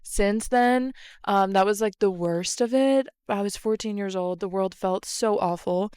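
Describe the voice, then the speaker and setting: A woman's voice: medium pitch, a little slow, a little mellow, clear, resonant tone, no echo, studio quality. A young woman hosting her podcast, chatting casually and laughing at herself while standing outside in the cold. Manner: chatty and self-mocking, laughs between phrases. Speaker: podcast host. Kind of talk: casual solo chat outdoors. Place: outdoors in the cold by a train line. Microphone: camera close up.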